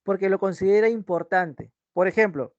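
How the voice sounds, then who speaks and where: Over a video call, a language teacher walks through a lesson one step at a time, often tossing in brief tag questions to check understanding. The mid-range voice is slightly mellow and moderately paced. The recording is dry, with the highs cut off.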